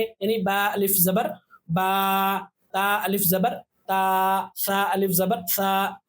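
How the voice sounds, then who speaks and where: Slow, patient male Tajweed teacher. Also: high voice. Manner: patient, repeats letters slowly and drawn out. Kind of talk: step-by-step recitation lesson.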